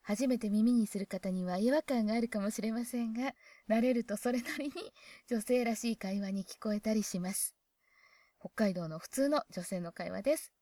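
A woman's voice: on the high side, normal speed, dark tone, no room sound. A woman from Hokkaido giving a casual spoken dialect lesson, chatty and thinking aloud as she explains. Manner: chatty, thinks aloud, asks herself questions. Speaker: dialect teacher.

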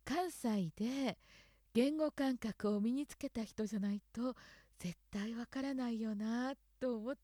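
A woman giving a polite, gently thoughtful spoken explanation as a voice performer taking requests. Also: fairly high pitch, measured pace, no room sound, studio quality.

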